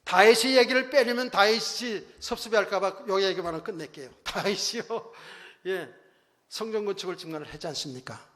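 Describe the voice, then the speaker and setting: A male pastor preaching a sermon, exhorting the congregation with rhetorical questions and calls for amen, swinging between loud bursts and quiet low phrases. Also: fairly quick. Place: church sanctuary. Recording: long hall reverb.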